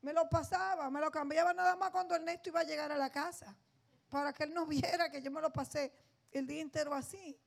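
Very high-voiced woman preaching. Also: fairly even intonation, fairly quick, vocal fry. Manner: emphatic, addresses the congregation directly. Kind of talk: sermon. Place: church.

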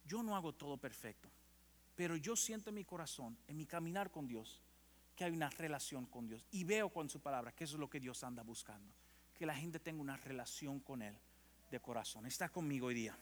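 A man, a pastor, preaching a sermon. He talks conversationally and checks in with the congregation, then gets loud and animated when he quotes scripture. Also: a little high, fairly quick. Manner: conversational, asks the congregation if they are with him. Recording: long hall reverb.

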